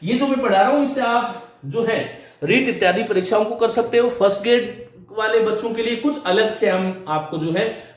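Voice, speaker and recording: A man with a high voice lectures on grammar, patiently spelling out sounds and repeating key words for his students. The room rings with heavy echo, and he sounds well away from the microphone. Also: normal speed. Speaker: Sanskrit grammar teacher. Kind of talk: classroom lecture for exam students. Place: classroom with a board. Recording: echoey room, voice from a distance.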